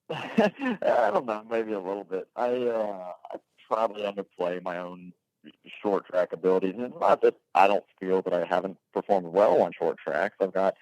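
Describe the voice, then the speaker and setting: Tired young male driver, deep voice. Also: normal speed, a little mellow, no room sound, dull audio. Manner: modest, thoughtful answers. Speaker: guest race car driver. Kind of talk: phone interview.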